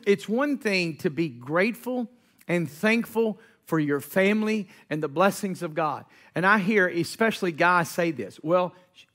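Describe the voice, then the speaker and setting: A male pastor with a high, bright voice delivers a sermon in a church. He repeats key lines for emphasis and builds to ringing shouts with call-and-response. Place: church sanctuary.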